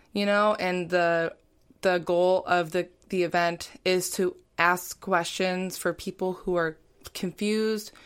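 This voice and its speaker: A college student in her young adult years, her voice on the low side and clean, chats casually in a podcast interview. She fills her speech with plenty of "like" and "you know."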